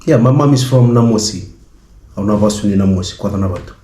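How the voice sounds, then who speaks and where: A man with a Fijian accent chatting casually as a vlogger, speaking in a halting, hesitant way. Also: lowish voice, warm tone. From Fiji. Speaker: vlogger and street musician. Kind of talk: casual vlog chat. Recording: echoey room sound.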